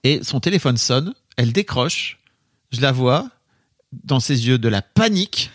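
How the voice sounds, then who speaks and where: A man's voice: mid-range voice, unhurried, dry recording. Guy on a podcast, bouncy up and down voice, chatty storyteller, dry close sound. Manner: animated anecdote telling. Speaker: podcast co-host. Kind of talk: casual chat.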